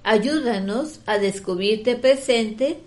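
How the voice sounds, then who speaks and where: A woman giving the responses in a liturgical prayer, solemn, measured and devotional. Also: on the high side, darkish tone, faint music behind.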